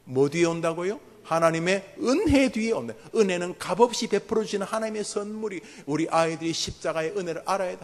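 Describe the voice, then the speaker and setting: A man preaching as a pastor, blessing the congregation's children and leading them through a long list of names to pray over. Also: on the high side. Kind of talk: sermon and congregational prayer. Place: church sanctuary. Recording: long church hall reverb.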